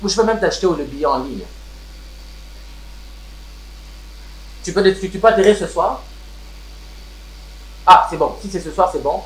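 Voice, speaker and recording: A wealthy Congolese family head. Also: male voice, sits high, expressive, a little fast. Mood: eager, grateful. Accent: Congolese French. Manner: switches between French and Lingala, pleading then scolding. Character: wealthy man protective of his siblings. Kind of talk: Congolese TV series acting. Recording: roomy room with background music.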